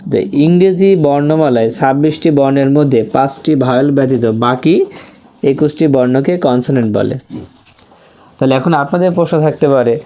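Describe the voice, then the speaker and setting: A man's voice: mid-range voice, mellow. Man teaching a beginners' grammar lesson. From Bangladesh. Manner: asks rhetorical questions, drills pronunciation by repetition.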